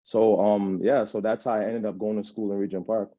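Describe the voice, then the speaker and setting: A Jamaican-accented man in his thirties, voice fairly low, level and mellow, talks a little fast as an interview guest, rambling through his own story and often asking "you know what I'm saying". There's no room sound, though the recording has a dull lo-fi quality.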